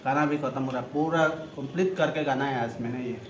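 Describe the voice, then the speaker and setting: A man casually hosting a mukbang eating vlog, talking between bites with pauses and hums. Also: medium pitch. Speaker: vlog host. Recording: echoey, background noise.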